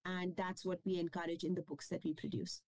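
Chatty woman with a dark, mellow voice. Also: fairly low pitch, flat delivery, a little fast, dry recording, low-quality recording. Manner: chatty, many fillers and restarts. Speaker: children's book publisher and author. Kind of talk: casual interview answers.

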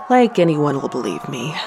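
A woman's voice: low voice, heavily acted. A woman playing a sardonic, profane young narrator. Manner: sarcastic and profane, often panicky. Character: sardonic young woman narrating her own reckless stunt. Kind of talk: first-person audio drama narration. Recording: audible background noise.

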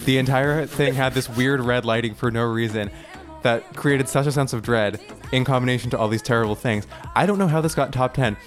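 A man's voice: medium pitch, a little fast, soft background music. A man co-hosting a casual chat, ranting bluntly and profanely with strong opinions. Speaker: podcast co-host.

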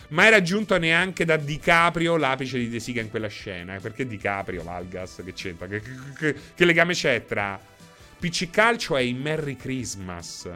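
A chatty man live-streaming and answering his chat by name, laughing often. His voice is bright and forward, with a very lively pitch that jumps around as he talks. Faint music plays behind him.

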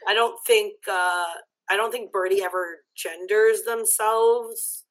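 A woman's voice: mid-range voice, steady tone, slow, a bit bright, low-quality recording. A woman guest co-host in casual chat, thoughtful and hedging.

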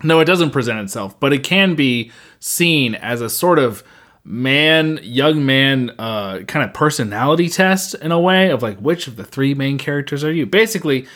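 A man's voice: mid-range voice, animated, normal speed, fairly bright tone. Rambling man on a podcast. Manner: rambling, many fillers and restarts. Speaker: podcast co-host. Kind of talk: casual chat.

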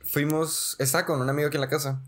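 A young man, a podcast co-host telling stories in slangy, animated casual chat. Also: on the high side, fast talker. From Mexico. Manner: slangy, says "güey" constantly, animated storyteller.

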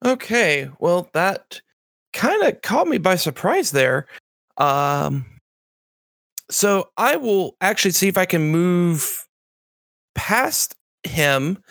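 Higher-voiced man playing a tabletop game. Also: big pitch swings, slow pace, creaky, pauses often, fairly bright tone, no echo, clean studio sound. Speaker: player.

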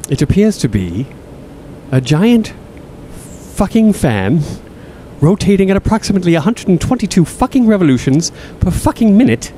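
A man's voice: big pitch swings, takes it slowly, pauses often, warm tone. A male actor playing a bossy, foul-mouthed gang leader who is sarcastic, florid and theatrically wheedling. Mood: emphatic, sarcastic. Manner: sarcastic, florid, swearing emphatically. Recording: faint background rumble.

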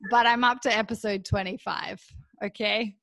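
A woman's voice: medium pitch, steady tone, normal speed, gravelly, fairly bright tone, no room sound, highs cut off. A woman hosting her podcast, upbeat and laughing often as she introduces and interviews her guest. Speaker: podcast host. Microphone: remote call from her apartment.

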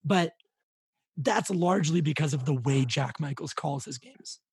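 A man co-hosting a podcast, chatting casually with friendly, quick reactions to his guest. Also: fairly high pitch, a little mellow, breathy edge, no room sound, clean studio sound. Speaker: podcast co-host. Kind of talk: casual chat.

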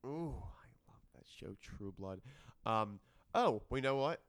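A man co-hosting a podcast in casual pun banter, excitable and laughing, with sudden jumps up in pitch. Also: slow. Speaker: podcast co-host. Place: dining room.

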